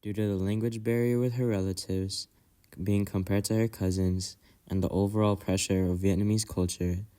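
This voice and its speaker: Guy with a real low voice reading doc narration, flat read-aloud feel. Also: normal speed. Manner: even, read-aloud delivery. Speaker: documentary narrator. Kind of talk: scripted narration.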